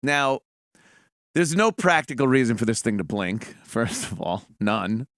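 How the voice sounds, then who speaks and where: A man's voice: medium pitch, measured pace, a bit bright, slight background noise. A man hosting a show, rambling with sarcastic asides. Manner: rambling, sarcastic, frequent fillers. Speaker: show host. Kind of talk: casual commentary.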